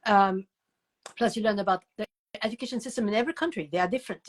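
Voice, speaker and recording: Answering interview questions conversationally, an older guest author talks quickly in a mid-range voice. Her storytelling is lively and wandering, and she repeats words to stress them.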